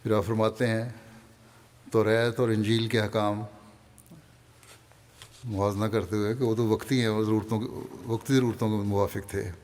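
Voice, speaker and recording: A man with a Pakistani Urdu accent delivering a Friday sermon, calmly reading and explaining quoted passages. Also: mid-range voice, in a large hall. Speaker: religious leader giving a Friday sermon.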